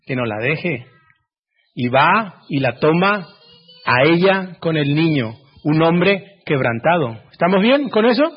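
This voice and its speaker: A man with a high, husky voice preaches a sermon and keeps putting questions to his listeners. He moves between loud, emphatic lines and hushed ones. The recording sounds dull and lo-fi. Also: sing-song, a little slow. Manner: asks the congregation direct questions.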